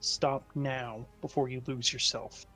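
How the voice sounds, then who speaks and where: A man's voice: medium pitch, level tone, measured pace, bright, forceful tone, faint music behind. Man playing a stern, grave male mentor. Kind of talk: tabletop role-play.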